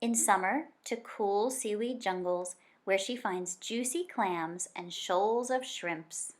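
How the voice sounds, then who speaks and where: Like a teacher sharing a book with a class, a woman reads a children's nonfiction picture book aloud in a mid-range voice, expressive and deliberate as she tells it.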